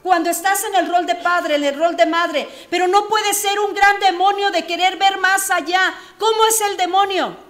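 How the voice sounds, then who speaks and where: A woman's voice: extremely high pitch, fairly even intonation, normal speed, hardly any pauses, fairly bright tone. A Mexican woman, a psychologist, giving a preachy radio talk full of rhetorical questions. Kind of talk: radio talk on addiction recovery. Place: radio studio.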